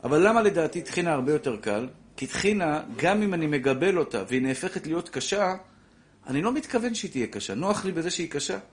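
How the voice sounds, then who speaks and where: Man teaching a class, lively and animated, somewhat high voice, repeats points, acts out examples. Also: a little hiss or hum. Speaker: Torah teacher. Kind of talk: lively classroom halacha lesson.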